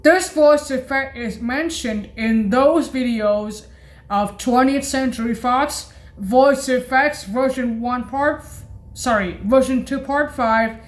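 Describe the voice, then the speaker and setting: A woman with a highish voice gives a casual keyboard demo of organ voice effects, announcing preset names as she goes. She speaks really slowly and haltingly, repeating herself, correcting herself often and apologizing.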